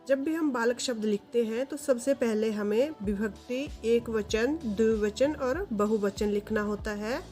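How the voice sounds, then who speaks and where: A woman teaching a grammar lesson to viewers, reciting word forms in slow, steady lists. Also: fairly high pitch, faint music behind.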